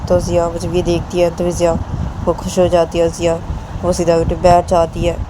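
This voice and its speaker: A woman's voice: on the low side, monotone, normal speed, background noise. A woman casually retelling a romantic story episode, repeating "she says" as she narrates. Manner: repetitive, plain retelling.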